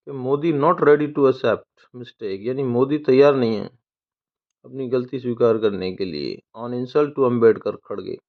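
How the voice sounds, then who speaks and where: A man teaching English from newspaper headlines, who asks and answers his own questions and reads the English lines slowly, word by word. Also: mid-range voice. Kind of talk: explaining newspaper headlines and dictionary words. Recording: tinny phone-like audio.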